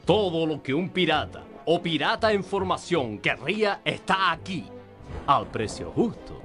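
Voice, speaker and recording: A man's voice: fairly high pitch, very animated, measured pace, fairly bright tone, soft background music. An actor playing a grandiose pirate smuggler king in a video game, with a Castilian Spanish accent and a theatrical mustache-twirling villain manner. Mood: sly menace.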